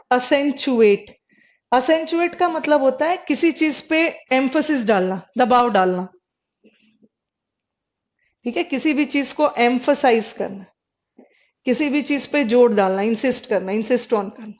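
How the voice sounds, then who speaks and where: High-voiced woman teaching vocabulary. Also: a little slow. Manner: explains in mixed Hindi and English, repeats words, checks with students. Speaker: English teacher. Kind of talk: live online vocabulary class. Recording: dull lo-fi sound.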